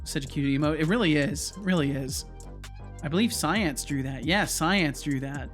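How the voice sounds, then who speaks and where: A man's voice: on the high side, moderate pace, a bit bright. A man hosting a casual livestream, thinking aloud as he works and chatting with viewers. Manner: thinks aloud, hums to himself. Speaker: game developer livestream host. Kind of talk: casual livestream chat while coding. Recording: music behind the voice. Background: music.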